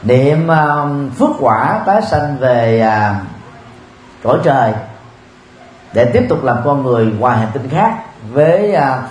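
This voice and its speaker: A man giving a Buddhist dharma talk, speaking in a measured way with frequent pauses and filler sounds. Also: medium pitch, big pitch swings, darkish tone. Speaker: Buddhist teacher. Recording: roomy with faint ambient noise.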